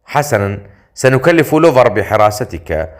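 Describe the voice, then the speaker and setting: A man voicing a stern, confident male leader in an audiobook story, with a dry, measured delivery. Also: mid-range voice, sing-song, lightly acted. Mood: calm. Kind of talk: audiobook character voice.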